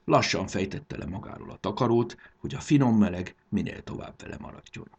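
A man narrating a children's story in a gentle, expressive reading. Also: fairly low pitch.

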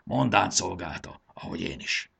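A man's voice: sits low, animated, vocal fry, fairly bright tone, husky, exaggerated voice. A man doing an earnest young gurgó. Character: earnest young male gurgó former servant. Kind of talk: audiobook character voice.

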